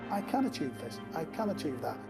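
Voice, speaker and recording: A man's voice: on the high side, big pitch swings, brisk, vocal fry. A man speaking in a documentary interview, reflective as he recalls the past. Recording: archive clip under loud music.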